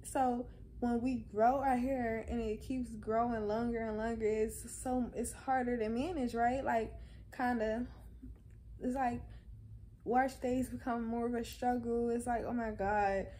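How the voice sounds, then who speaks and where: Chill woman vlogging her opinions, slightly high mellow voice, repeats stuff to make her point, bit of noise behind. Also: flat delivery, measured pace. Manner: conversational and insistent, repeats phrases for emphasis. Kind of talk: casual opinion monologue to camera.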